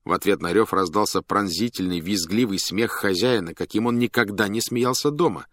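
A man reading a story aloud as narrator, in an animated, dramatic manner that speeds up and slows down. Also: on the low side, dry recording, studio quality.

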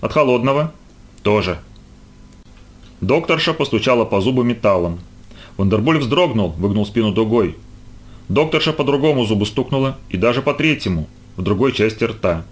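Низкий мужской голос чтеца. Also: male voice, fairly low pitch. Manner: measured, expressive reading. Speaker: narrator. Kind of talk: audiobook narration.

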